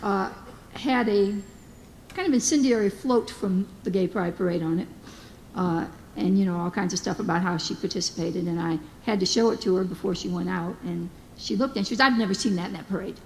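A woman's voice: normal speed, gravelly, a little mellow. Woman telling funny stories in a big hall. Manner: humorous storytelling, quoting others. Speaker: memorial speaker, former staffer. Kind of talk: anecdotal eulogy speech. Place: large hall. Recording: long hall reverb, faint rumble.

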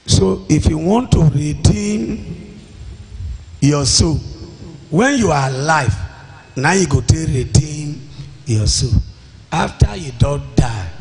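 Nigerian man preaching, high-pitched and slow. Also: gravelly, darkish tone. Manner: emphatic storytelling with short repeated phrases. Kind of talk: impassioned sermon in Pidgin-inflected English. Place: large church hall with congregation. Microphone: handheld microphone. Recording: noisy large-hall PA recording.

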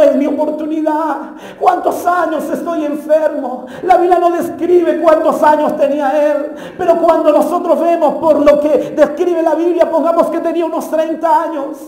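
A man preaching a Pentecostal sermon with passion, often shouting and acting out a beggar's cries. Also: extremely high pitch. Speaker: pastor. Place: church hall. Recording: echoey hall, long reverb.

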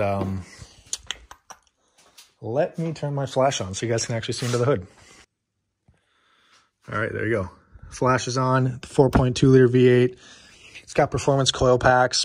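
A young man talks in a loose, filler-heavy ramble, winded after lifting. His voice is husky and sits at a middle pitch. He records himself outdoors in the cold on a phone. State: out of breath. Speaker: car vlogger. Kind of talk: casual story-time vlog.

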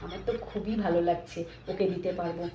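A woman playing a kind, fussy mother-in-law who coaxes her new daughter-in-law along in a comedy sketch, talking fast. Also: a little high, lightly acted. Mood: confiding. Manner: fussy, coaxing, talks fast. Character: doting kind mother-in-law, middle-aged, fussing over her son's wife. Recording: echoey room with faint noise.

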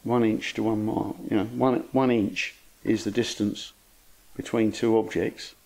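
A man's voice: fairly low pitch, flat delivery, a little slow, a little mellow, low-quality recording. An older man giving an informal lecture to an astronomy club, with dry, wry humour and chatty asides. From England.

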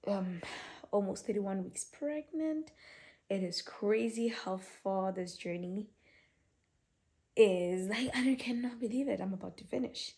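Woman vlogger, unhurried rambling chat, camera in hand at home. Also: medium pitch, warm tone. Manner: chatty, rambling, repeats words. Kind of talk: casual haul video chat. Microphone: handheld camera.

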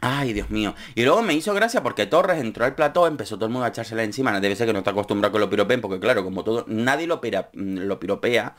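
A young man from Spain giving casual comedic commentary on a reality show, laughing often and slipping into high mimicking voices. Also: expressive, fast talker, hardly any pauses, fairly bright tone.

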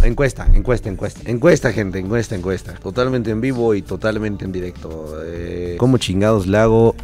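A hoarse young man with a Mexican accent, sick with a cold, chatting casually on a live stream, reading out chat and swearing freely. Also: low-pitched, a little mellow.

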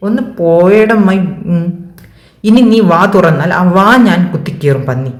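A woman's voice: deep voice, brisk, a little mellow, echoey room, lightly acted. A woman voicing an irritated young male student who mutters curses through clenched teeth. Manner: gruff, swearing under his breath.

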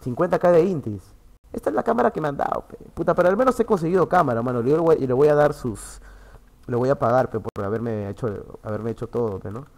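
A man with a Peruvian Spanish accent streaming from an internet café booth, chatting casually with his viewers. He is excitable, swears freely, and swings between loud outbursts and low muttering. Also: quick pace. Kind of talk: casual livestream chat.

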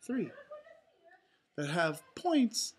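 A woman's voice: lowish voice, sing-song, very slow, slight background noise, heavily acted. A woman voicing a female cartoon mouse from a storybook, explaining things in a teacherly way. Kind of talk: storybook read aloud.

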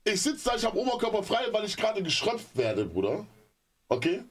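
A man's voice: high voice, a little fast, crowd noise. A man telling a story in casual chat, acting out phone calls and repeating himself. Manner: animated, repetitive, acts out phone calls.

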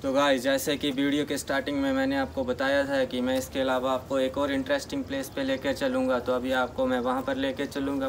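Young male travel vlogger, casual and chatty, outdoor camera mic with clear background noise. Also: medium pitch, far from the mic. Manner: chatty, addresses viewers as guys. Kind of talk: casual travel vlog narration. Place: outdoors on a misty hillside.

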